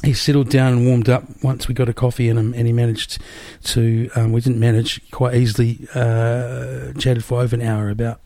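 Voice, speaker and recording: This casual interview chat comes from a New Zealand man with a Kiwi accent, hosting his podcast in a small rented studio apartment and rambling with frequent restarts. His medium-pitched, dark voice is flat, moderately paced, with few pauses.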